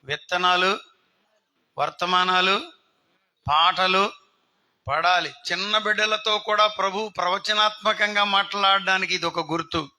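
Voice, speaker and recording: A man's voice: sits high, steady tone, measured pace, long pauses, bright, forceful tone. A man preaching a sermon, putting questions to the congregation and acting out scenes. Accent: Telugu. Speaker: pastor. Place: outdoor gathering.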